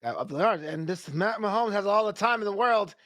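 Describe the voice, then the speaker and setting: High-voiced joking male color commentator. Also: expressive, moderate pace, fairly bright tone, no echo. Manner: playful, joking, laughs often.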